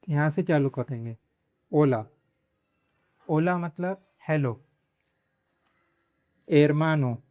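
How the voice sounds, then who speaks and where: A man teaching a pronunciation lesson, slowly saying each word twice. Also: fairly high pitch, a little mellow, no echo, studio quality. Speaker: Spanish teacher.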